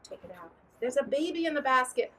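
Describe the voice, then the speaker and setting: A woman telling a story to children at a family gathering at home, in a playful, animated way with dramatic swings in pitch. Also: a little fast, low-quality recording. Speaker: storyteller at a family Passover seder.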